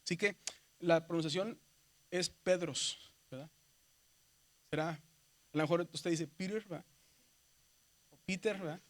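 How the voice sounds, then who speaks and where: Here a man from Mexico, voice on the high side, teaches a seminary class a little slowly and with frequent pauses. His Mexican Spanish accent colors a step-by-step classroom lecture in which he checks in with "¿verdad?" and addresses students as "hermanos."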